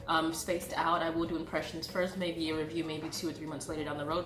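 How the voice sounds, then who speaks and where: A YouTube vlogger in her late twenties, her low voice congested from a cold, gives viewers a casual, familiar channel update straight to camera. Background music plays, and the recording has a roomy echo.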